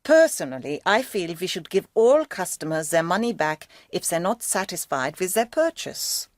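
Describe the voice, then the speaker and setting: Reasonable manager speaking up in a staged meeting, dry close recording. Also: female voice, fairly low pitch, sing-song, normal speed, no echo. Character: reasonable female manager offering compromises in a meeting. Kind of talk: scripted language-course meeting dialogue.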